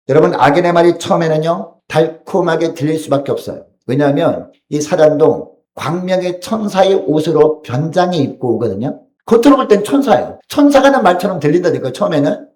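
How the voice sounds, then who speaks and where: A male pastor preaching a sermon, who poses rhetorical questions to the congregation and answers them, swinging between loud emphasis and soft, low asides. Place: church sanctuary. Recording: roomy echo of a church hall.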